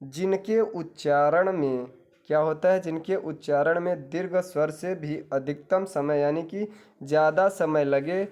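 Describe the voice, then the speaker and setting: Man, exam coaching teacher, a little high-pitched, repeats each point as a question then answers it. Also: unhurried, darkish tone. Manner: addresses viewers directly, tells them to take notes. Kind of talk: exam-prep grammar lesson.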